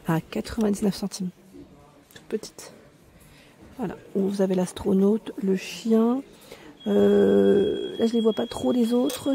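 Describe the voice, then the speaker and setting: A woman filming herself as she walks through a discount store, reading out prices and pausing now and then to check the labels. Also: medium pitch, warm tone, a little hiss or hum. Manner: chatty, pauses to check labels, reads prices aloud. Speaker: vlogger touring a discount store. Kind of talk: casual store-walk commentary. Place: inside a large retail store.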